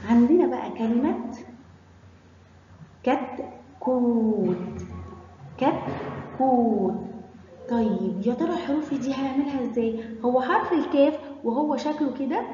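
A woman's voice: high-pitched, warm tone, slight background noise. Egyptian woman teacher, sing-song, echoey hall. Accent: Egyptian Arabic. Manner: sing-song, drawn-out sounding of syllables. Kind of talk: children's letter lesson. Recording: echoey hall, dull lo-fi sound.

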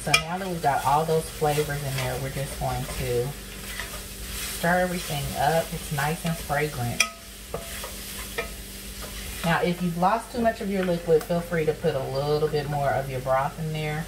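A young woman with a low-pitched voice chats casually at a normal speed while doing a cooking demo in her home kitchen, calling her viewers honey and sis. This cooking vlogger is picked up by a nearby camera with her off to one side, and a sizzling pan and stirring fill the background.

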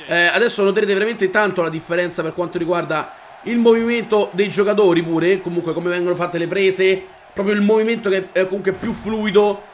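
High-voiced man excitedly playing a wrestling game. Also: fairly quick, a little hiss or hum. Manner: energetic, swears and shouts at the game. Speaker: gaming YouTuber. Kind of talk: excited gameplay commentary.

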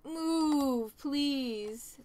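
A woman's voice: sits high, extremely slow, a little mellow. A woman streaming a game, talking to herself in casual commentary, pleading with the game and laughing at her own mistakes.

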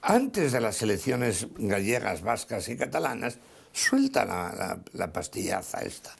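A man with a Spanish accent arguing politics on a TV panel, animated, with many restarts. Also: fairly low pitch, measured pace, vocal fry, husky. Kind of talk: heated political debate.

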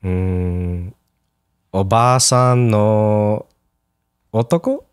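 A man co-hosting a podcast, trading deadpan quips in casual banter and bursting into laughter. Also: on the low side, drawn-out words, clean tone. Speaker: podcast co-host.

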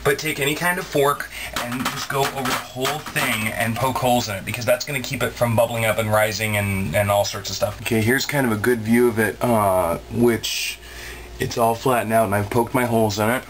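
Speaking fairly quickly at medium pitch with fairly even intonation, a man in his thirties runs a casual cooking demo in his small home kitchen against a noisy background. He's close to a handheld camera mic, chatty and self-deprecating, with playful asides.

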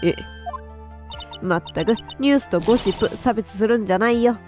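A woman voicing a pushy, gossiping middle-aged woman who talks brashly and roughly. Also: on the high side, brisk, darkish tone, soft background music, close to an everyday voice. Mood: combative.

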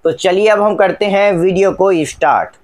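A man with a fairly high voice talks viewers through a gadget unboxing. His delivery is chatty and repetitive, and he keeps pointing out each part as he handles it. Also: moderate pace, over loud music. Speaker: tech reviewer. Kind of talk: casual product unboxing narration.

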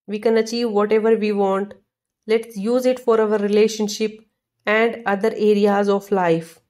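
A woman's voice: medium pitch, warm tone. Woman reading affectionate sweet nothings. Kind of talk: scripted romantic sweet nothings, read as a message to a sweetheart.

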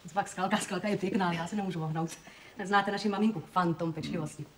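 An actress playing a chatty office secretary. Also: female voice, on the low side, fairly even intonation, a little hiss or hum, lightly acted. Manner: chatty, obliging. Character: chatty female office secretary, obliging, fond of gardening.

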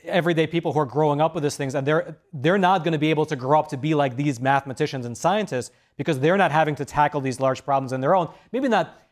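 Young male panelist, somewhat high voice, rambling and hesitant, studio lapel mic. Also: fast, few pauses. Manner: rambling, many restarts and fillers.

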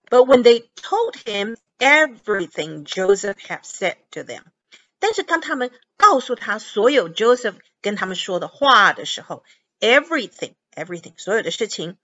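A woman teaching English through a Bible chapter, reading verses and explaining words, repeating them slowly. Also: a little high, sharp tone. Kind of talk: bilingual Bible lesson. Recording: dull lo-fi audio.

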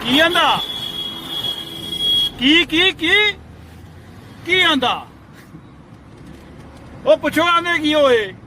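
A man, scolding and threatening people away from his sugarcane field in a comic roadside rant, shouting repeated commands. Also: very high voice, expressive, extremely slow, long pauses. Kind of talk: comic outdoor rant to camera. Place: outdoors by a road near fields. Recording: noisy outdoor roadside recording.

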